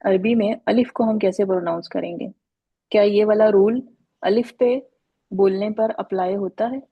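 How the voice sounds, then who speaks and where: A woman's voice: medium pitch, fairly even intonation, moderate pace, slightly rough, no echo, lo-fi sound. A woman teaching an Arabic grammar lesson online over a video call, patiently calling on students by name.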